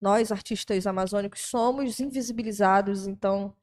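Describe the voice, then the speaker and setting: A woman's voice: mid-range voice, normal speed, a little mellow. Chatty woman hosting an interview. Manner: chatty, seeks agreement with frequent tag questions. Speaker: podcast host. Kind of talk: casual interview.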